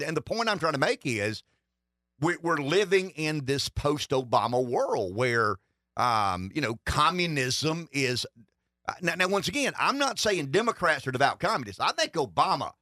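A man's voice: mid-range voice, pushed and bright, dry recording, studio quality. A man hosting a political talk radio show, giving opinionated commentary and often repeating words as he starts a thought.

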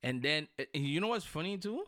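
A forceful, fairly high-voiced man talks in a casual podcast chat. He is slangy and sweary, hammering the same phrases insistently. The sound is close and dry. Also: animated, brisk, dry recording.

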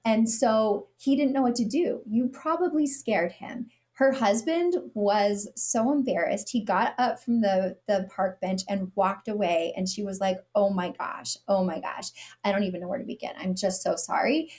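Middle-aged woman guest on a podcast, earnest storyteller, mid-pitched voice, does little sarcastic bits when quoting people. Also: moderate pace, hardly any pauses, a little mellow. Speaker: guest, nonprofit CEO. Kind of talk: conversational podcast interview.

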